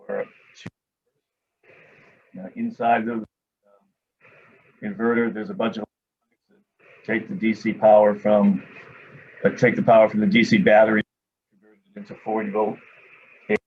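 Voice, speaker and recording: A man giving a halting technical tour over a call, his audio breaking up. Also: lowish voice, flat delivery, husky, highs cut off. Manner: halting, technical explanation with frequent fillers. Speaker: engineer giving a facility tour.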